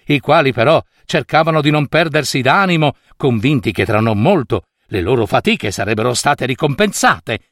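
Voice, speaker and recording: A man reading a fairy tale aloud in an expressive, playful way. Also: medium pitch, dry recording, clean studio sound. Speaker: storyteller.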